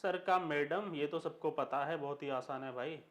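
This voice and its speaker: A man's voice: a little high, normal speed, fairly bright tone, echoey room. A man teaching English grammar to schoolchildren in a classroom lecture. He switches between Hindi and English, spells words out letter by letter, and asks the class questions that he answers himself.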